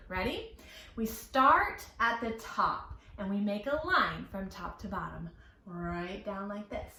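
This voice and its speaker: A woman hosts children's storytime full of songs and questions, her playful, supportive delivery carefully exaggerated so young kids can follow. The voice is on the high side and a bit bright, with reverberation.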